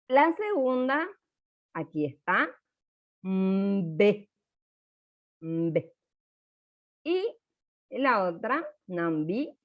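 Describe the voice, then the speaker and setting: A woman teacher leads a lesson at an extremely slow pace, drawing out each syllable so students can repeat after her. The recording is dull and lo-fi. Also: mid-range voice. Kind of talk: classroom lesson.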